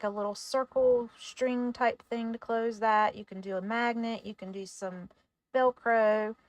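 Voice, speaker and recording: A woman hosting a craft tutorial in a casual voice-over, chatty and relaxed, sometimes stumbling over her words. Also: medium pitch, no room sound.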